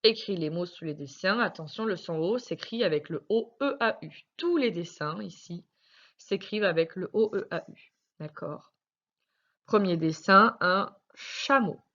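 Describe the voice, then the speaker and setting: A primary school teacher records a reading lesson for young children, carefully spelling out letters one at a time. She speaks at a measured pace in a fairly low, fairly bright voice, and the lo-fi recording sounds dull.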